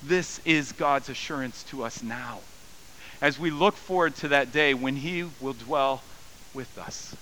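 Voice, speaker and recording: Male pastor, sermon delivery, bright forceful tone, swells from hush to fervent, slight hiss on the recording. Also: medium pitch, measured pace, rough recording. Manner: swings from quiet reflection to loud, soaring emphasis. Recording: faint hiss.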